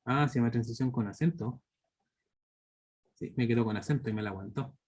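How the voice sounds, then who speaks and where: This university teacher, a Chilean-accented man in his thirties, runs a live online programming class, walking through each step and constantly using tag questions to check on his students. His medium-pitched voice is brisk, a little mellow, with a breathy edge.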